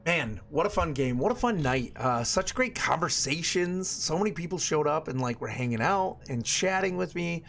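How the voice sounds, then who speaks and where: A man's voice: fairly high pitch, animated, normal speed, gravelly, few pauses, a bit bright, slight background noise. A man live-streaming a video game, chatting casually with his viewers and exclaiming at small things. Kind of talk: casual live stream chat while gaming. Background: game music.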